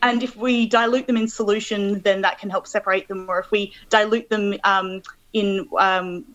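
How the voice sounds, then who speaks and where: A woman's voice: medium pitch, steady tone, moderate pace, a bit bright, highs cut off. An Australian woman in her thirties from Adelaide, a guest scientist on a call-in interview, explaining step by step with frequent ums.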